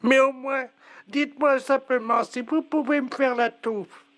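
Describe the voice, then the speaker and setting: A man putting on a high-voiced deaf old lady. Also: fairly even intonation, a little slow, a bit bright, no room sound. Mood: confused. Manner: mishears everything, fussy and plaintive. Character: deaf muddled old woman with hearing aid. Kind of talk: prank phone call.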